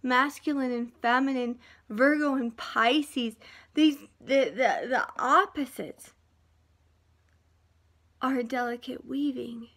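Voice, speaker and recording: High-voiced woman in a rambling, heartfelt monologue. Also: steady tone, measured pace. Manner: rambling and emotional, sometimes dropping to a soft hush. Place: half-unpacked house.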